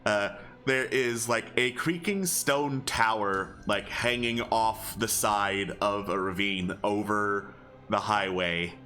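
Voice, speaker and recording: A man runs a tabletop fantasy game, describing scenes off the cuff. His voice is bright and his delivery slow and halting, with faint music behind him. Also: lowish voice. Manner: halting, conversational. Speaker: game master. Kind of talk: improvised tabletop game narration.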